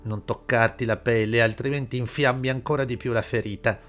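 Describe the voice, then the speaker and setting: A man's voice: mid-range voice, steady tone, brisk, a bit bright, close to an everyday voice. A man voicing a commanding adult shell collector who gives short orders, over faint music. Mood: curt. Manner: curt, commanding. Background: faint background music.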